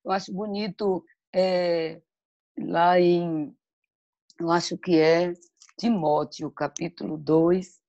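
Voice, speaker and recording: A woman's voice: fairly low pitch, vocal fry, mellow, highs cut off, slight background noise. A woman speaking at a church talk on motherhood, telling stories and reading scripture in a reflective way. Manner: reflective, storytelling, quotes scripture.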